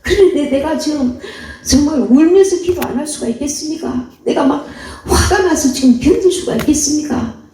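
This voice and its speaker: A woman's voice: sits high, moderate pace, warm tone, recorded from a distance, a little hiss or hum, voice pushed up, close to an everyday voice. A woman voicing a frustrated believer who complains to God in a pleading, exasperated way. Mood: indignant complaint. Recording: echoey hall, voice off-mic.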